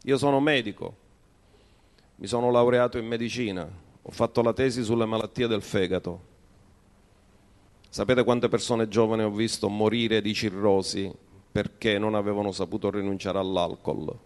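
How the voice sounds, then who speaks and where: A man preaching a sermon as pastor, dropping to a low, quiet voice and rising in emphatic bursts. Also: steady tone, normal speed.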